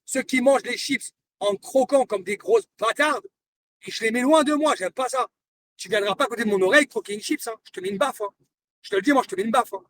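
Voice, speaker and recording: High-voiced man ranting confrontationally on a live stream. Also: fast, a bit bright, distant mic, a little hiss or hum. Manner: confrontational, repeats himself, taunting. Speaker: livestreamer. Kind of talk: heated live-stream rant.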